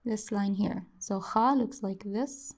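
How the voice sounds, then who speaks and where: Woman tutor, casual lesson, drawls slowly, repeats each sound, thinks aloud. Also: mid-range voice, darkish tone. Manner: slow, repeats sounds many times, muses aloud. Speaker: language teacher.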